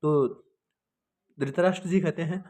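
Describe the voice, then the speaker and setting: A male Sanskrit teacher, reciting verses for children in a slow, measured chant. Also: on the high side, steady tone, warm tone.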